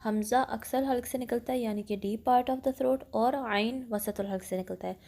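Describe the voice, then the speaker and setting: A woman's voice: a little high, steady tone, warm tone. A woman teaching an online Quran pronunciation lesson, explaining step by step and slipping English phrases into Urdu. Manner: slowly draws out example words for practice; careful, apologetic about her Urdu reading.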